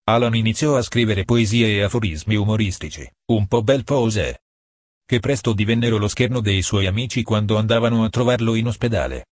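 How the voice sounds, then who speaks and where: A man reading a novel aloud as an audiobook in a steady, matter-of-fact way. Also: fairly low pitch, brisk, no echo, clean studio sound. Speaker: audiobook narrator. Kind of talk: scripted audiobook narration.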